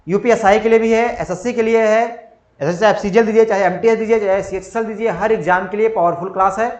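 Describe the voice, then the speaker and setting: In an exam-prep lecture on reasoning for competitive exams, a high-pitched man drills students by asking questions and answering them himself, repeating emphatically. The sound is lo-fi and the room echoes.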